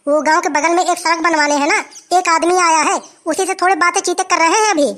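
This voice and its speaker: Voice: very high voice, fairly even intonation, fast talker, pushed and bright. A voice actor doing a kindly old village mother. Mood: soothing.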